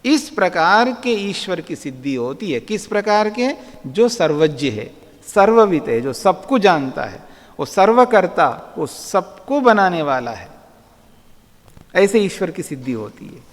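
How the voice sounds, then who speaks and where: Guy lecturing students slow and patient, high voice, echo hall. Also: big pitch swings. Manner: patient, repeats words slowly for students. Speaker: Vedic philosophy teacher. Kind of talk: classroom lecture. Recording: long hall reverb.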